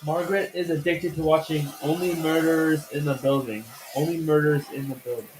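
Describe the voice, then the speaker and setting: Man, slightly high voice, brief offhand remarks, noisy background. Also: fairly even intonation, normal speed. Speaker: helper reading viewer comments. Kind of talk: casual live chat. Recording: echoey kitchen with noisy background.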